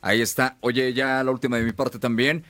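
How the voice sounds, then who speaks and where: A man hosting a sports talk show who asks long, lively questions. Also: mid-range voice, fairly quick.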